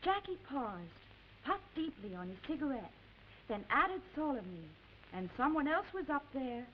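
A sugary high-voiced woman reporter. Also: big pitch swings, measured pace. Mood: sentimental. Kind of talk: 1950s television drama. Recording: dull lo-fi 1950s TV audio with faint hiss.

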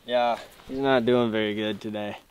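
A man's voice: on the low side, fairly even intonation, moderate pace, clear, resonant tone, no room sound. A young man in casual conversation outdoors on a frozen lake, picked up by a camera a few steps away. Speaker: fishing companion. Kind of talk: casual chat. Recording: distant from camera mic outdoors.

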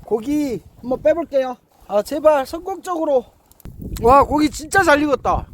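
A man's voice: extremely high pitch, expressive, normal speed, fairly bright tone, a little hiss or hum. A man chatting casually as he narrates his own cooking and eating vlog. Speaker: mukbang vlogger.

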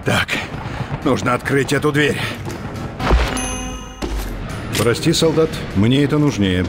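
An actor playing a terse, commanding, weary secret agent hero in a video game. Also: male voice, mid-range voice, lively intonation, moderate pace, over music, lightly acted. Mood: tense, focused.

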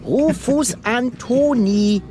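A man's voice: very high-pitched, extremely slow, music in the background, exaggerated voice. An actor voicing a cocky, sarcastic young male game hero who talks in a cheeky, mocking way. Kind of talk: game voice acting.

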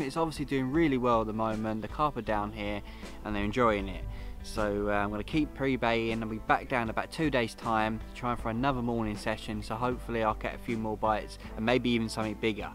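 A young British man speaks in a casual, upbeat way from a lakeside, rambling a little and filling pauses with "uh" and "um". His voice sits at an ordinary middle pitch and is captured by a camera close by. Faint music runs quietly under the talk. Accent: British English. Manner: chatty, upbeat, rambling with many fillers. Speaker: fishing vlogger. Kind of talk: casual outdoor vlog. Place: lakeside, outdoors and under a fishing shelter.

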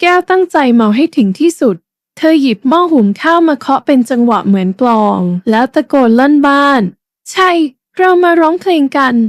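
A woman telling a bedtime story with a high, light voice, reading the narration in a steady, even way. The recording is dry and close, with no room sound. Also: brisk, no echo.

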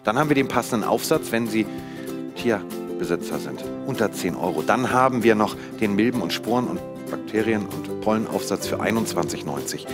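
A man's voice: on the low side, animated, a little fast. Emphatic male teleshopping presenter. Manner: emphatic, persuasive, repetitive phrasing. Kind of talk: live sales pitch, product demonstration. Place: TV studio set. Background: background music.

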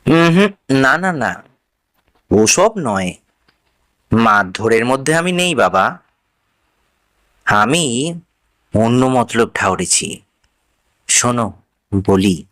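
A man's voice: medium pitch, very animated, extremely slow, long pauses, fairly bright tone, no room sound, clean studio sound, exaggerated voice. A man voicing a sly, scheming schoolboy in a story reading, persuasive and friendly.

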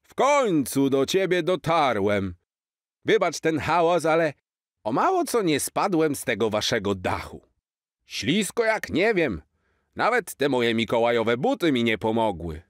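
A man voicing a jolly, kind old Santa Claus in a children's storybook, slow, hearty and fatherly. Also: medium pitch, huge pitch swings, no echo, clean studio sound, voice pushed up. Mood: cheerful. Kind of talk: storybook character voice.

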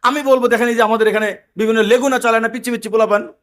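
Male preacher, high voice, emphatic, conversational sermon. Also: fairly even intonation, very fast.

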